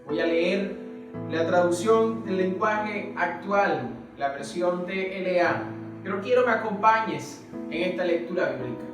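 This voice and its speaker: Man, preacher, earnest and measured, bright high voice, guitar underneath. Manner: earnest, measured, drawn-out emphasis. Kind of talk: sermon with Bible reading. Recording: echoey room, distant mic. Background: soft guitar music.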